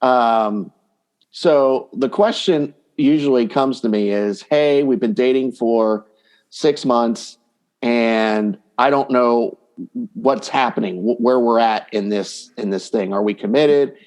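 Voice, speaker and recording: On a conversational podcast, a dating coach guest talks slowly in a medium-pitched, slightly mellow voice. To get his ideas across, he voices imagined quotes.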